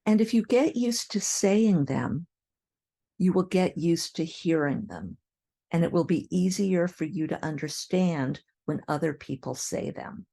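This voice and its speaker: A woman with an American accent teaching English pronunciation, modeling example phrases clearly. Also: fairly low pitch, expressive, a little slow, mellow. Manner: models example sentences, repeating drills. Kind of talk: slow, clear pronunciation lesson.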